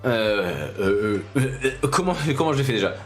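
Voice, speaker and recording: A man streaming video games, chatting casually, reacting with quick jokes and frequent swearing. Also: on the low side, very animated, fairly bright tone, faint music behind. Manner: reactive, swears, jokey asides. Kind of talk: casual gaming commentary.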